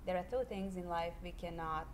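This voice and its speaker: A middle-aged high school history teacher from Serbia gives a classroom interview on a handheld mic, indoors. She speaks in a measured, earnest manner with many pauses and fairly even intonation. There's a little hiss or hum in the audio.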